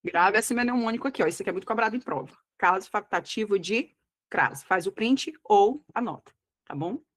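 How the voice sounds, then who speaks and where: A woman's voice: medium pitch, animated. A woman with a Brazilian Portuguese accent teaching an exam-prep grammar lesson, explaining step by step and checking in with her students often. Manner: didactic, checks in often with "tá?" and "tá bom?"; slows down to stress key words.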